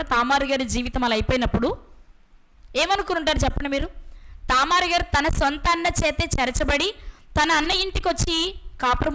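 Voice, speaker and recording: Bright high-voiced woman preaching. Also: a little hiss or hum. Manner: asks the audience questions and answers them herself; slows down to stress words and scripture. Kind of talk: Bible sermon.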